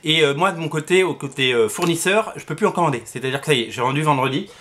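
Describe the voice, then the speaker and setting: A man's voice: fairly high pitch, expressive, fast, a bit bright. A man with a lisp and slushy s sounds, giving casual promotional chat to viewers as a shop seller, hesitant and repeating his phrases. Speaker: comic shop seller presenting his show.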